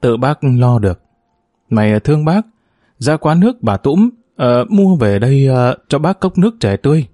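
A kindly old retired colonel, played by a male storyteller talks gently and without hurry, in a homely, grandfatherly manner. His voice is mellow and low in brightness, and it moves lively in pitch. The recording is close and dry. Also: normal speed, no room sound, natural voice.

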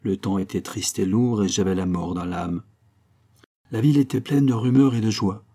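A man reading a novel aloud in a measured, expressive audiobook narration. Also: lowish voice, slightly rough.

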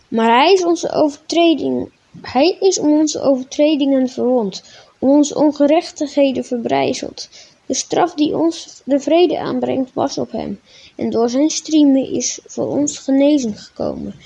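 A woman reading a children's story aloud in a clear, measured way, then talking to young listeners about faith. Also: high-pitched, warm tone.

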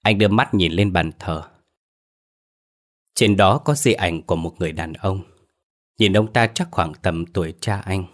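A man narrating a scripted ghost story in a steady, measured way. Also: low voice.

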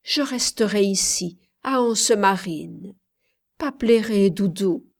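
A woman reading the part of a gentle, tender male plantation overseer in an audiobook, soft and pleading. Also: mid-range voice, slow pace.

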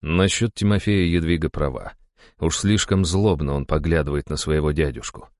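A man reading an audiobook in an even, steady storytelling voice. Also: a bass voice, moderate pace, no room sound, studio quality. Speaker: audiobook narrator. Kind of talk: audiobook narration.

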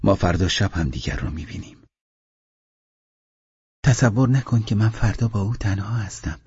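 A man voicing a tender, sad young woman lover in an audiobook, raising his husky voice a little and speaking softly. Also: on the low side, animated, no room sound, muffled recording, voice pushed up. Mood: pleading.

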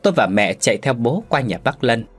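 Husky male storyteller, lively delivery. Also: mid-range voice, a little fast, soft background music. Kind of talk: scripted narration.

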